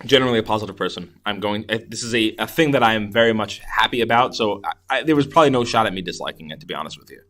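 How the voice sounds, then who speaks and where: A podcast co-host chats casually and enthusiastically about movies in a review conversation, rambling and repeatedly restarting his sentences. His voice is on the low side and fairly bright, with lively intonation, and he talks rapid-fire with hardly any pauses.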